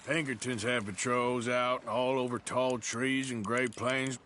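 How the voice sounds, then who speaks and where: A dry, slow-talking western outlaw. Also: male voice, medium pitch, flat delivery, pushed and bright, slight background noise. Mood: wry. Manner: dry, unhurried, wry.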